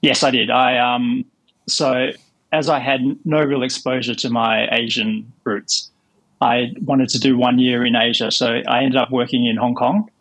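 A man who grew up in Australia, a guest giving measured, plain answers in a podcast interview. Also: medium pitch, level tone, a bit bright, low-quality recording.

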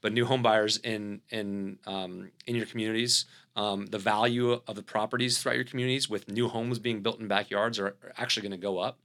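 A man's voice: lowish voice, steady tone, a little fast, few pauses, a bit bright. A man with a Southern US accent, a company CEO explaining his product in a podcast interview, speaking fluently with many fillers and restarts.

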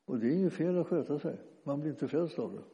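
Dark-voiced male preacher, halting delivery. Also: on the high side, lively intonation. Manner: conversational, halting with restarts and fillers. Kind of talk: informal sermon. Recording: dull lo-fi sound with long reverb.

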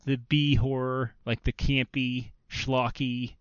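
Rambling man with a smooth voice. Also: medium pitch, level tone, slow, dry recording, lo-fi sound. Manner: rambling, filler-heavy, restarts often. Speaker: podcast co-host. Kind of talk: casual chat about video games.

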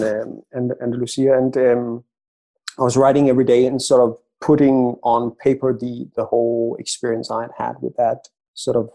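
A man's voice: medium pitch, mellow. A middle-aged man with a Danish accent, an author telling stories in an interview, often repeating words as he starts a sentence. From Denmark. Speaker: author guest. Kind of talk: conversational storytelling interview.

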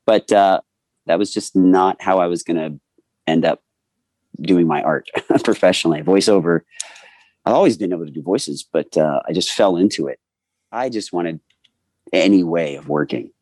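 A man in his forties, a voice actor telling animated anecdotes in a casual interview and acting out the people he quotes. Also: sits low, moderate pace, pauses often, dry recording. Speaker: voice actor guest.

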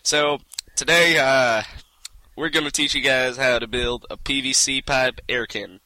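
A man's voice: medium pitch, fairly even intonation, unhurried, sharp tone, no echo. A man putting on a Southern accent as a folksy how-to show host, rambling and tripping over part names. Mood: instructional. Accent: put-on American Southern.

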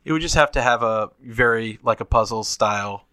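Bright-voiced man in casual chat. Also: on the low side, moderate pace, no room sound. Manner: rambling, restarts thoughts, speculative. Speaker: podcast co-host.

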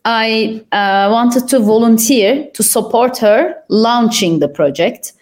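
Young adult woman from Turkey, interview guest; unhurried, reflective answers broken by fillers. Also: fairly high pitch, a little mellow. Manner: thoughtful, pauses with frequent fillers. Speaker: podcast guest.

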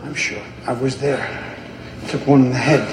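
A man playing a tough, world-weary veteran robber in a crime film, talking gruffly and bluntly. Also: medium pitch, fairly even intonation, moderate pace, roomy sound, big-room sound, a little hiss or hum, close to an everyday voice. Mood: tense. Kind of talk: 1990s crime film acting.

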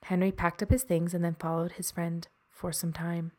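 A woman hosting a podcast, narrating a short story in a measured way and signing off in a friendly tone. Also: on the low side, slight background noise. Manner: even, measured reading with a friendly sign-off. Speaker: podcast host and story reader.

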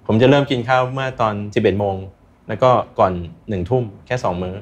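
A man's voice: medium pitch, fast talker, breathy edge. A man speaking as an interview guest, earnestly sharing personal experience and advice in a casual chat. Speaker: interview guest, recreational runner.

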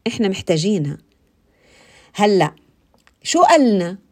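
A woman giving an informal religious talk, conversational and animated, repeating phrases and asking her listeners questions. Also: medium pitch, moderate pace. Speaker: religious speaker.

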